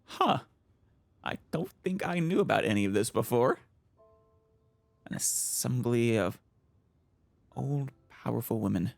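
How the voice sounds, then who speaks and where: Very low, creaky woman commentating. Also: expressive, a little slow, pauses often, a little mellow, no echo, soft background music. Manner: musing aloud, reactive. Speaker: let's player. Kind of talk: casual gameplay commentary.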